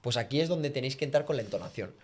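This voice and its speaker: Male coach, podcast guest, animated and expressive. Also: racing. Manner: animated, acts out quoted speech with big pitch jumps. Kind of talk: podcast conversation, teaching.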